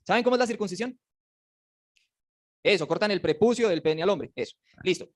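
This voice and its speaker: A man teaching a casual Bible class, animated and joking, and putting questions to his students. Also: high-pitched, brisk. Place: classroom with slides.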